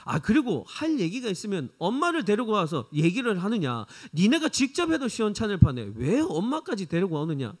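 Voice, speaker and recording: A man's voice: high-pitched, huge pitch swings, a little fast, few pauses, heavily acted. A male preacher voicing angry disciples who scold two of their fellows. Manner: scolding, exasperated.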